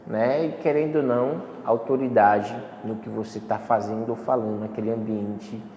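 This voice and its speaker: A man's voice: on the low side, fairly even intonation, normal speed, mellow, a little hiss or hum. Man lecturing in an echoey hall. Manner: explanatory, with fillers and self-corrections. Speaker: instructor. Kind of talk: spoken lecture on public speaking. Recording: echoey hall, faint ambience.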